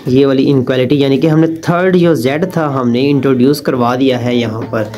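Man, math lecturer, step-by-step explanations, warm mellow tone. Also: mid-range voice, steady tone, fairly quick. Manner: step-by-step explaining, addresses students directly. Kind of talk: recorded online lecture.

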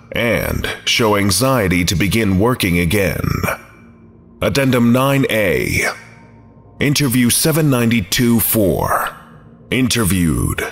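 A man reading an archive file as scripted narration, measured and documentary. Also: on the low side, big-room sound.

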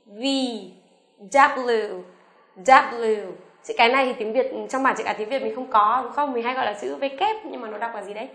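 A woman teaching an online beginners' lesson, asking the class questions and reading each letter slowly for them to repeat. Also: on the high side, creaky, a bit bright, roomy sound. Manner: asks the class rhetorical questions; reads letters aloud slowly for repetition. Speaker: English teacher.

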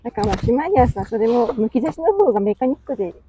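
A woman trades quick, teasing jokes in lively, fast speech, her voice warm and mellow. The sound is a little dull, with faint music in the background. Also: a little high. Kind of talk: casual banter.

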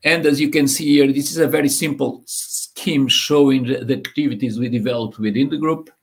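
Speaking haltingly with many fillers and repeated words, a man in his sixties from Portugal lectures online as a guest university professor, walking through slides. His mid-range voice carries a Portuguese accent, fairly even intonation and vocal fry, captured by a laptop or webcam mic on a video call from a home or office room.

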